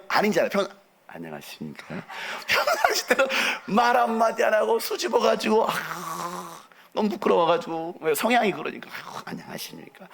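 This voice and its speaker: A middle-aged man preaching a lively, theatrical sermon to young people as a pastor. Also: high-pitched, creaky. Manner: animated, theatrical, acts out quotes and jumps around.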